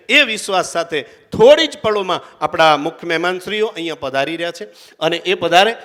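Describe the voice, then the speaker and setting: A man tells a devotional story to a gathered crowd, his voice high and bright. He swings through lively rises and falls, chants verses, and slips into each character's voice. He also serves as the evening's emcee. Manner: animated, chanting verses, voicing characters in dialogue. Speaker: religious storyteller and event emcee. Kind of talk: devotional storytelling to a live audience.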